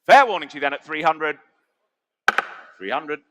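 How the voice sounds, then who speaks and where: A man's voice: fairly high pitch, animated, moderate pace, very noisy. A British man working as an auctioneer, calling bids in a conversational way and repeating the figures. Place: auction sale room.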